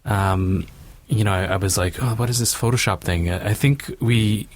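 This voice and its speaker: A middle-aged filmmaker from Vancouver, Canada, speaking with a Canadian accent, appears as a podcast interview guest and talks casually, rambling and hesitating and dropping in "you know" a lot. His voice is lowish at a moderate pace. There's no room sound.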